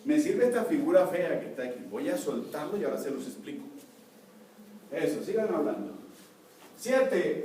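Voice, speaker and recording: A man's voice: high-pitched, dark tone. A man giving a university anatomy lecture, explaining step by step and checking with his students. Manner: explains step by step, asks the class to confirm. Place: lecture hall. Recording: echoey hall from far off, faint noise.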